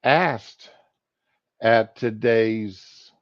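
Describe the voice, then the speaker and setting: A man hosts a casual live stream having just woken up, talking slowly in a lowish voice. He rambles in an unhurried way, and the sound is echoey. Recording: boxy echoing room, dull sound.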